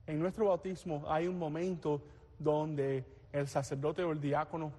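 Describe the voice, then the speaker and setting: A priest with a fairly high voice delivers the gospel and his homily at a very slow, measured pace. Cathedral echo wraps every phrase, the long reverb of a large church trailing behind him. His delivery stays steady and liturgical throughout. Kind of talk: gospel reading and homily at Mass.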